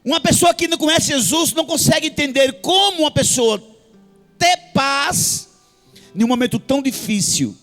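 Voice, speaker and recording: Speaking at a moderate pace, this man has a very high, expressive, slightly bright voice. He preaches in church with a Brazilian Portuguese accent, impassioned and sing-song, and says hallelujah often, while faint music plays behind him.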